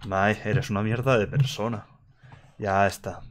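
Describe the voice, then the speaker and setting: A man from voicing a bitter, sharp-tongued young female crocodile in a curt, scornful tone. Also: lowish voice, steady tone, unhurried, slight background noise, lightly acted.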